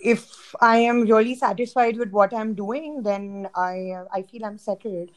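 A woman's voice: mid-range voice, measured pace. A woman with an Indian accent, speaking as a podcast guest in casual chat. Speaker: podcast guest, cafe co-founder.

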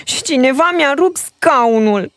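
A woman's voice: high-pitched, lively intonation, a bit bright, no echo, voice pushed up. Woman doing a little bear cub calling out. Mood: pleading. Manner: slow, drawn-out calling. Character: small upset bear cub.

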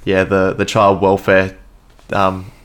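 A podcast co-host chats enthusiastically about a film in a casual review, often restarting his sentences. His voice is low-pitched and monotone, and he speaks at a slow pace.

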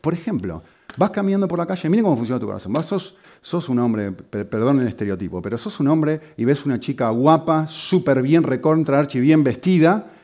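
A man preaching a teaching sermon, explaining briskly and checking in with the listeners again and again. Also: mid-range voice, lively intonation, a little mellow. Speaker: pastor.

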